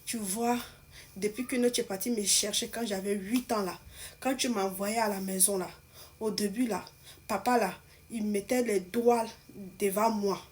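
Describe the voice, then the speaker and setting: A woman voicing a hushed, remorseful teen girl. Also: medium pitch, fairly even intonation, moderate pace, slight background noise, lightly acted. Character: frightened remorseful teenage girl confessing.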